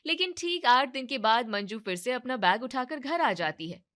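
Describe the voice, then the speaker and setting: A woman narrating a family story in an even, scripted storytelling manner. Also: fairly high pitch, normal speed.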